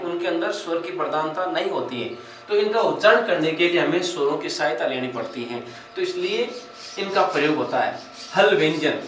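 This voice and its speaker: A man's voice: on the high side, a bit bright, slight background noise. A man teaching a Sanskrit grammar lesson for exam preparation, explaining step by step, repeating key phrases and asking rhetorical questions. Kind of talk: exam-prep lecture. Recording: echoey room, mic at a distance.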